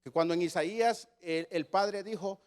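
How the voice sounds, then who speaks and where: A man's voice: high-pitched, normal speed. Emphatic man preaching. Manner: emphatic, repeats words while finding his phrasing. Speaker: church teacher. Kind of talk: teaching sermon. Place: church meeting.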